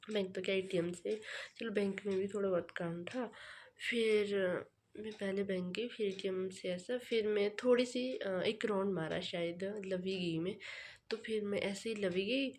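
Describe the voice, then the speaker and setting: A young woman vlogger from the Himalayan foothills talks quickly and loosely, full of fillers and restarts. She sounds worn out. Faint room noise sits under her phone recording. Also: medium pitch, fairly even intonation, a little mellow. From Himachal Pradesh, India. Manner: fast, rambling, with many fillers. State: tired. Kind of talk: casual vlog chat. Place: home.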